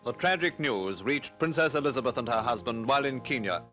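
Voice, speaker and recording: A man's voice: medium pitch, brisk, fairly bright tone, faint music behind. A man giving solemn, formal old newsreel narration, sounding distant on an archive reel.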